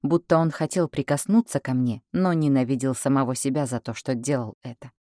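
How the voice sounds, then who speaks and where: A woman narrating a novel in the first person, steady and even. Her voice is unusually deep for a woman. The recording is dry and close, with no room sound. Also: a little fast, no room sound. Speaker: audiobook narrator.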